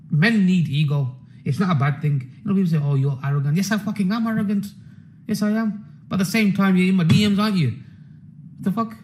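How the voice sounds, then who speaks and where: Brash male trading streamer, slightly high voice, profane and rambling, combative asides. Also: warm tone, low-quality recording. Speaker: trading educator. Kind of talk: unscripted live market session.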